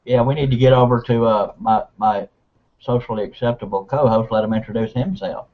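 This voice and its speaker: A man's voice: medium pitch, fairly quick. A man from Texas co-hosting a live video call show, joking and rambling in casual chat. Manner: joking, rambling, self-mocking. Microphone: video call mic. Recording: muffled video call audio.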